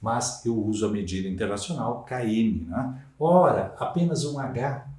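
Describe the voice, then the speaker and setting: A man from Brazil teaching Portuguese in a recorded exam-prep lecture, with lively, emphatic delivery and frequent rhetorical tags. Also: mid-range voice, a little slow. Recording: echoey room.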